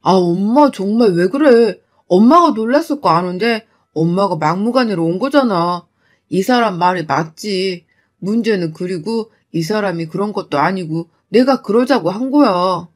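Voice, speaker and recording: A woman's voice: mid-range voice, expressive, normal speed, voice pushed down, natural voice. A woman voicing an adult son and husband who pleads with his mother in an exasperated tone. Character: pleading adult son caught between wife and mother, man.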